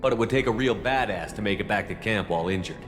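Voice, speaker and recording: A man's voice: fairly low pitch, fast, fairly bright tone, lightly acted. A man voicing a tough, blunt military commander in a video game, direct and commanding. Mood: firm. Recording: reverberant hall, faint music behind. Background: faint music.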